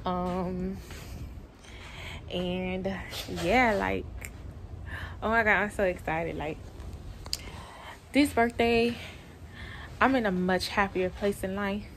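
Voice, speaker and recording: A woman's voice: lowish voice, fairly bright tone, slight background noise. A woman, chatting casually in a rambling vlog with lots of fillers. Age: 20s. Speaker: vlogger. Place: on the go, outdoors and in a car.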